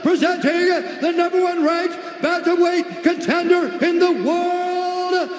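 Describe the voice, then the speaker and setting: A man working as a ring announcer, booming out theatrical fight introductions and stretching names and titles. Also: fairly even intonation, takes it slowly. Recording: echoey arena PA, long reverb, crowd noise. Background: cheering arena crowd.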